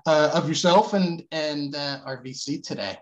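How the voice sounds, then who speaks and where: A man's voice: on the high side, moderate pace, poor audio. A man moderating a video call panel, talking loosely with many fillers and restarted phrases. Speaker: webinar moderator.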